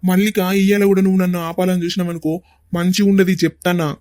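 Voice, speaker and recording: Man voicing a bossy telangana village son, high voice, rattles off lines fast. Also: flat delivery, no echo, close to an everyday voice. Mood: angry. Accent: Telangana Telugu. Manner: angry, bossy shouting. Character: hot-tempered young village man, domineering son. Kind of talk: cartoon voice acting.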